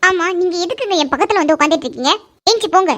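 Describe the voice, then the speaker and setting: A woman's voice: very high voice, expressive, rapid-fire, a bit bright. A woman voicing a proud, stubborn young college girl in a cartoon love story, snapping back huffily. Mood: annoyed. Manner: huffy, snappy retorts. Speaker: heroine.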